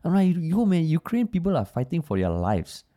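A man's voice: on the high side, wildly swooping pitch, normal speed, warm tone. A man with a Singaporean accent in a casual, opinionated podcast discussion, speaking colloquial Singlish with particles and casual swearing. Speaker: podcast co-host.

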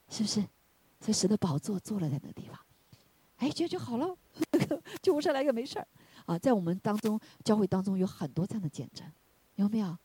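Woman preaching, husky, bursts of hallelujah. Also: no room sound. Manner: swells to loud exclamations of hallelujah, then drops low; asks the congregation questions. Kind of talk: sermon.

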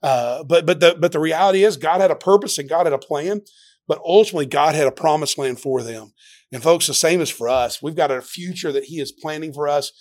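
A man with a somewhat high voice preaching a sermon as pastor. He talks earnestly and with passion, often restarting and repeating words. His delivery swings between loud stressed phrases and quieter asides. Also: fairly quick.

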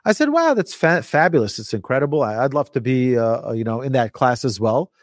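A man teaching religion like a rabbi, telling stories emphatically with rhetorical questions and deliberate repetition. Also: medium pitch, a little mellow, dry recording, clean studio sound. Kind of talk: lively religious lecture with storytelling.

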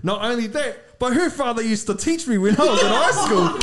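Male co-host with a high voice, Māori New Zealand English, casual yet playfully grand delivery. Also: expressive, a little fast, a loud crowd. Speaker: podcast host. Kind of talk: casual hosting chat.

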